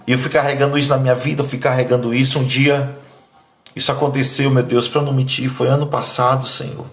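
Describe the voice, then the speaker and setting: In a roomy-sounding space, a Brazilian pastor from Bahia, in his thirties, talks fast in a level tone while preaching and sharing his testimony. His manner is emphatic and pleading, and his voice falls low and soft when emotional.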